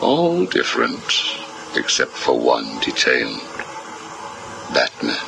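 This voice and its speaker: An actor playing a cold, probing psychiatrist, heard played back from an old interview tape. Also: male voice, rumbling low, huge pitch swings, takes it slowly, creaky, exaggerated voice. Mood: clinical. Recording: hissy cassette tape recording.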